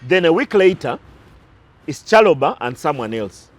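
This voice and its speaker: A man's voice: on the high side, big pitch swings, normal speed. A man talking through recent football matches as a pundit, analytical and prone to side stories, with some restarts. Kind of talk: casual sports talk.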